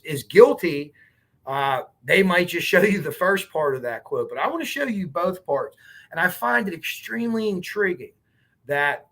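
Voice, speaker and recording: A Pittsburgh-accented man hosts a true crime livestream, reading court documents aloud in a casual way and speaking bluntly to his viewers. His voice is a little high, bright and forceful, and he's chatty, swears, and talks directly to the audience and chat.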